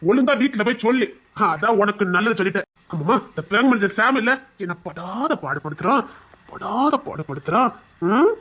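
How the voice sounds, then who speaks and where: A woman's voice: a little high, animated, a bit bright. A woman voicing a playful young man in love, a former rowdy now working as a bank manager, in a Tamil audio drama. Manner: fast, playful, coaxing.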